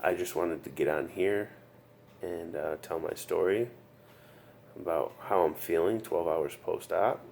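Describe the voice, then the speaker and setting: A weary, subdued man freshly out of surgery, earnestly giving advice in a casual video diary, halting and repeating himself, recorded in a hospital room. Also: sits low, gravelly, darkish tone. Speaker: patient sharing his recovery story. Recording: noticeable background room noise.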